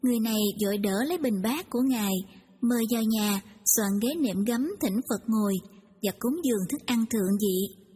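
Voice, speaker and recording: A woman narrating a story in a steady storytelling way. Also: a little high, normal speed, breathy edge. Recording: reverberant hall, music behind.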